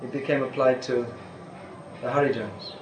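In an echoey room with faint background noise, an older spiritual teacher holds a casual Q&A, wandering off track, restarting sentences, and chuckling at times. He has a medium-pitched voice and a moderate pace.

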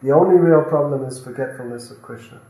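A man in casual conversation who asks quick, probing questions and offers his own views. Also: medium pitch, mellow. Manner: inquisitive, leads with quick questions. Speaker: interviewer. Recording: echoey room, distant from mic.

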